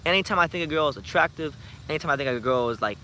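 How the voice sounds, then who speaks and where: A man in his twenties hosting a boxing channel, chatting late at night and answering viewer comments in an animated, rambling way with many restarts. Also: on the high side, rapid-fire, a little hiss or hum. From United States. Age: 20s. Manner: animated, rambling, frequent repeated starts. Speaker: YouTube boxing channel host.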